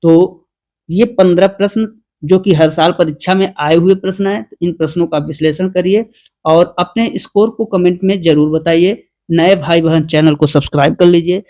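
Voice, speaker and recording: A teacher giving an online exam-prep lesson. They slowly read out quiz questions, then explain them, often asking the class a question and answering it themselves. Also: medium pitch, steady tone, mellow.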